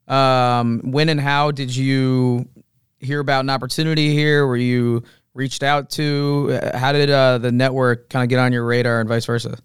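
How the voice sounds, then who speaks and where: A man's voice: mid-range voice, little pitch movement, moderate pace, clear, resonant tone, dry recording, studio quality. A man hosting a sports network podcast, asking a guest easygoing, searching questions. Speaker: podcast host. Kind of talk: interview questions.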